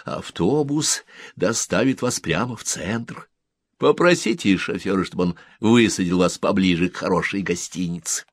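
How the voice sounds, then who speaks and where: A man voicing a small, gentle male alien messenger who speaks in a soft whisper, from an audiobook. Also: low voice, normal speed, no room sound. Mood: whispered, kindly.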